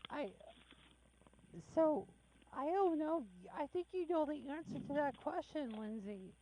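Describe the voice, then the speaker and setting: A woman's voice: high-pitched, lively intonation, unhurried, background noise. A woman hosting a call-in show, blunt and joking, rambling between callers. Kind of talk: casual call-in radio chat.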